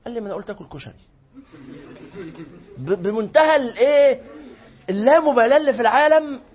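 A man with a very high, husky voice talks at a quick pace, and the recording's highs are cut off. Speaking with an Egyptian Arabic accent, he gives a religious lesson to a live class, bringing stories to life by playing both sides of each exchange.

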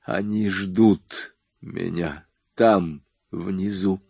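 A man reading an audiobook voices a frightened, bitter young woman with a sharp, mocking tone. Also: sits low, steady tone, extremely slow, gravelly, breathy edge, dry recording, exaggerated voice. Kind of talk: audiobook dialogue.

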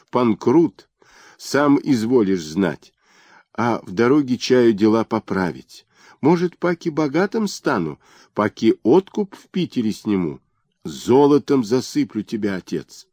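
A man voicing a fawning, bankrupt male merchant who pleads in a high nasal whine. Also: big pitch swings, takes it slowly, mellow, no room sound, clean studio sound, heavily acted. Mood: pleading. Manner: groveling, wheedling.

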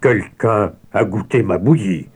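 A man doing a gruff husky papa bear. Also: a little slow. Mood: grumbling. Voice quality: husky, booming. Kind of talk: storybook character voice.

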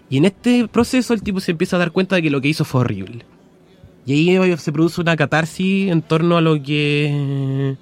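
A Chilean man co-hosting a casual radio chat, retelling a film with many restarts and halting starts. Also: a little high. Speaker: radio show co-host.

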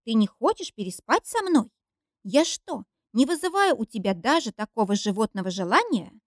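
A woman's voice: a little high, big pitch swings, normal speed, no room sound, clean studio sound. A woman reading an audiobook, voicing an emotional young woman who is jealous and accusing. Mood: pleading, jealous. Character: clingy, jealous young woman, shrill and pleading.

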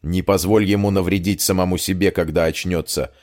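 Man doing a hushed, grim young friend. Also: low voice, fairly even intonation, brisk, close to an everyday voice.

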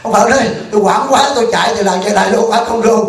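A man's voice: high-pitched, fairly even intonation, quick pace. A male Buddhist monk giving a humorous Dharma talk at a retreat, telling stories and asking the audience questions. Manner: joking, storytelling, asks the audience questions. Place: retreat hall. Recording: echoey hall.

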